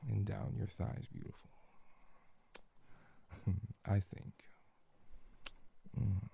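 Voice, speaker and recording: A man's voice: low-pitched, creaky, a little hiss or hum. A man speaking in an intimate, murmured audio roleplay, humming often and slipping into half-whispers. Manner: murmuring, many soft hums, half-whispered.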